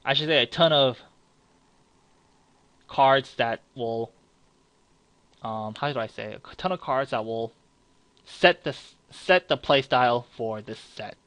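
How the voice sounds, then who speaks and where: A man's voice: medium pitch, slow pace, pauses often, a bit bright, dry recording. A young man giving casual, frank card game commentary, rambling with fillers and restarts.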